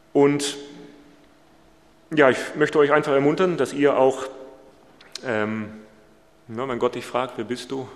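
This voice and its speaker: Gravelly-voiced preacher in a reverberant hall. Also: male voice, medium pitch. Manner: casual, frequent tag questions and fillers. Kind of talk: informal sermon on a Bible passage.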